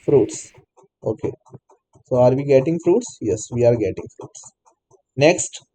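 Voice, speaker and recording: A man's voice: mid-range voice, expressive, unhurried, mellow, poor audio. A man teaching a live online coding class, repeatedly asking students to answer. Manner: prompts students repeatedly, non-native English phrasing. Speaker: programming teacher.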